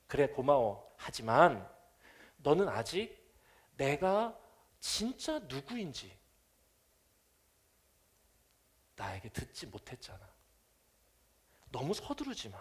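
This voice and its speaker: A man acting out a gentle, patient male teacher who softly consoles a disciple, in a hushed, tender voice. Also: fairly high pitch, pitched below the performer's own voice. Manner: hushed, soft-spoken, tender.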